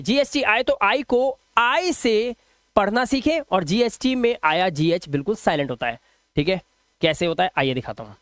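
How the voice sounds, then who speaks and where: Guy teaching pronunciation rules, drags out example words real slow and repeats them, dry close sound. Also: high voice, a bit bright, no room sound. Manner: patient, step-by-step explaining with frequent checks. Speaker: English teacher. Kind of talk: spoken lesson on English pronunciation rules.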